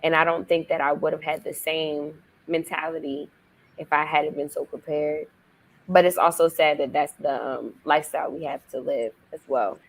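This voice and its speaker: A woman's voice: sits low, fairly even intonation, normal speed, low-quality recording. A young woman college student on a discussion panel, speaking in a reflective, earnest way. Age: young adult.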